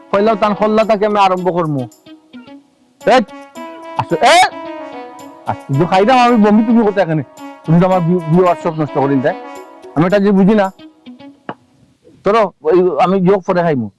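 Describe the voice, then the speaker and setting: A man's voice: high voice, natural voice. An actor with a Sylheti accent playing a showy village husband who talks to his viewers like a vlogger while he eats fish. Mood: annoyed. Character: boastful village husband eating raw fish for views. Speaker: husband filming a food video.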